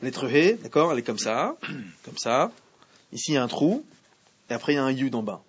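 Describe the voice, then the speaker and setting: A man with a mid-range, sing-song, slightly rough voice teaches a Torah class briskly, frequently questioning his students and repeating himself as he explains. The lesson is in French with readings in Hebrew, captured on a muffled, lo-fi classroom recording.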